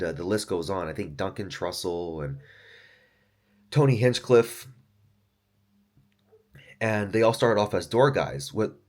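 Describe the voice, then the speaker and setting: A man who is an author and podcaster, talking through his thoughts in a loose, rambling monologue, swearing often and saying "like" and "dude". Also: low voice. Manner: loose, profane, full of fillers like "like" and "dude".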